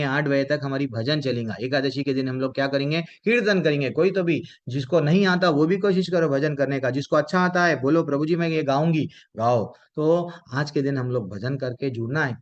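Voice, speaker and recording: A man teaching a devotional class online. His voice sits at an ordinary middle pitch and comes through muffled, lo-fi call audio. He poses rhetorical questions and answers them himself. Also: fairly quick, hardly any pauses. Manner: addresses listeners with devotional honorifics.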